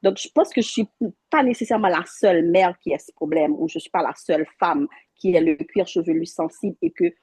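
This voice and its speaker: A woman's voice: fairly low pitch, brisk, a little mellow, husky, no echo. A woman, a mother and workshop participant, earnestly telling a personal story with frequent restarts. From Haiti. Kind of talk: personal story on a video call.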